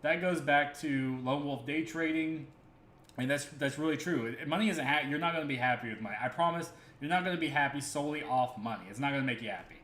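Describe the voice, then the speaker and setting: A man's voice: on the high side, fast talker, fairly bright tone. A man hosting a crypto livestream, talking casually and earnestly, rambling with many fillers and restarts. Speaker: crypto stream host. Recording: echoey room with faint ambience.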